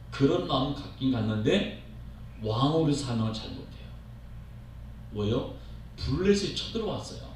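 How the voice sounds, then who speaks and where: A male pastor preaching a sermon in a church, telling the story in an animated way and acting out the quotes. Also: on the high side. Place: church sanctuary. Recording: echoey hall, voice from far off, faint noise.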